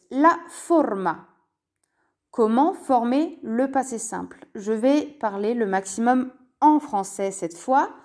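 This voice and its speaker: Slow, careful woman teaching a lesson. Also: on the high side, darkish tone. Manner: slow, careful, spells out endings and repeats key forms. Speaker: Spanish teacher. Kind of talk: language lesson explained in French.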